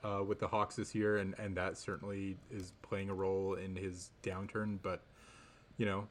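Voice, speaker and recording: Male podcast analyst, somewhat low pitch, casual, halting and thoughtful. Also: level tone, slight background noise. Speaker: sports podcast co-host.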